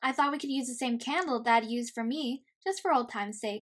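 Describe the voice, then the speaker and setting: High-voiced, tough Hit-Girl played by a woman. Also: brisk, a bit bright. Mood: earnest, bossy. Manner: confident, blunt, matter-of-fact. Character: tough, foul-mouthed, bossy young girl vigilante. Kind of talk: comic dub voice acting.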